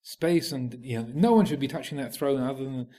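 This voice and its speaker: A man's voice: mid-range voice, brisk, warm tone, close to an everyday voice. A man voicing a group of flustered palace attendants, agitated and pleading with their king. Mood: indignant.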